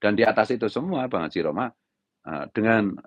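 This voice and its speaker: A middle-aged man with a Javanese accent, an Islamic preacher delivering an impassioned monologue in a harsh, raised-pitch scolding tone, often tagging lines with a filler phrase. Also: animated, brisk, no echo, highs cut off. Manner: repeats "gitu loh" as a tag. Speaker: Islamic preacher giving commentary.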